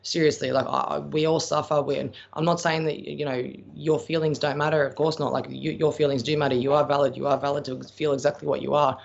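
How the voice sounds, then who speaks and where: Barely pausing, an Australian man gives psychic readings on a live stream at a fairly quick pace, his slightly high, gravelly voice showing little pitch movement. He's a psychic medium who answers viewer questions bluntly and chattily and uses pet names. The stream audio is dull and lo-fi.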